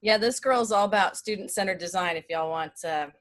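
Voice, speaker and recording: A woman's voice: medium pitch, fairly quick, fairly bright tone. A woman in her forties, a Spanish teacher, chatting casually on a video call with lots of fillers. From Dallas, Texas. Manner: friendly, chatty, many fillers.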